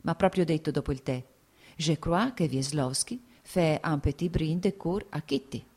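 A woman voicing an exasperated aristocratic mother, reading her lines a little higher and more agitated than the narration. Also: normal speed, darkish tone, slightly rough. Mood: worried confiding.

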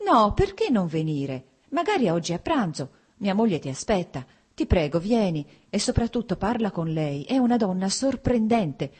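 A woman's voice: medium pitch, big pitch swings, moderate pace, hardly any pauses, slightly rough. A woman voicing a cheerful, talkative middle-aged nobleman who coaxes and pleads. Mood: pleading. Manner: warm, coaxing, talkative.

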